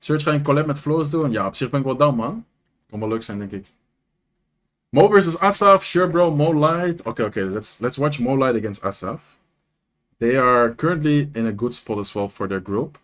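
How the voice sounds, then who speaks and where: A young Dutch-accented man streams live, speaking at medium pitch and normal speed. He's a chatty, animated streamer and content creator who reads and answers viewers' messages while commenting on matches.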